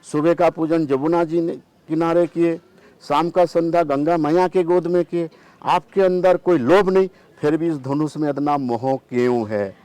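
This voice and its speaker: A man voicing a bold, fiery young male warrior prince who speaks in a challenging, forceful way. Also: a little high, measured pace, no room sound, pitched above the performer's own voice, natural voice.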